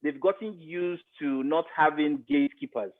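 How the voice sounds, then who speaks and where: A middle-aged Nigerian-accented media expert, appearing as an interview guest, offers conversational commentary over thin, phone-like radio sound. His voice is a little high at a moderate pace, and he presses his point emphatically by repeating phrases.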